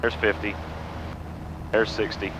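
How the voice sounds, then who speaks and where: A man's voice: on the low side, little pitch movement, unhurried. A man who is a pilot, casually explaining procedures from inside a small airplane cockpit. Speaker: pilot and flight vlogger. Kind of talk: casual explanatory cockpit narration with radio calls. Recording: muffled cockpit audio with engine noise.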